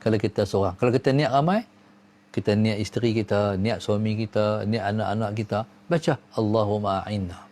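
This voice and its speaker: A man giving a religious lesson, reciting Arabic prayers and swinging from low murmurs to high exclaims. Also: steady tone, brisk, darkish tone. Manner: recites Arabic prayers within his talk. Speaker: religious teacher.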